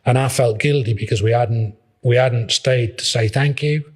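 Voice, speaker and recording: A man's voice: medium pitch, moderate pace, slightly rough. A man in his fifties with a Liverpool accent, telling his life story in a casual, rambling way with many restarts.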